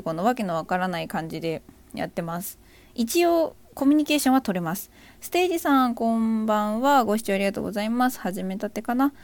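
On a casual live audio stream, a woman greets listeners by name, reads their comments aloud and pokes fun at herself in a bubbly, self-deprecating way. Her voice is a little high with a darkish tone.

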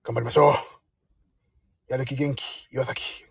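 A man's voice: mid-range voice, little pitch movement, measured pace, creaky, slightly rough. A man hosting a casual live stream from his parked car, chatting in a self-deprecating way and reading out listener comments. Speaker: livestream host.

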